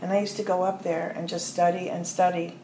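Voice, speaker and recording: An older American woman, a podcast interview guest, telling long rambling stories with soft trailing asides. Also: lowish voice, level tone, fairly quick. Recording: roomy echo with faint ambient noise.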